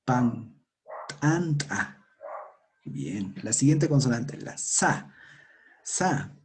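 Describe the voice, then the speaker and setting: A man teaching a language lesson, saying each sound and word slowly and repeating it for learners to copy. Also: medium pitch, very animated, a little mellow. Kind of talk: slow pronunciation lesson.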